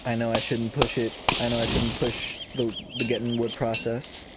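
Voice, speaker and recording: A man streaming a survival game late at night, commenting to himself in a jokey, excitable way. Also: mid-range voice, normal speed, heavy background noise. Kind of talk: casual gameplay commentary. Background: loud game music.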